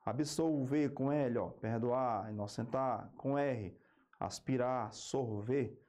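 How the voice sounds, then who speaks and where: A Brazilian man teaching an exam-prep grammar lesson, slowing down to spell out key terms and checking in with a quick "ok?" between points. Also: medium pitch, warm tone. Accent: Brazilian Portuguese.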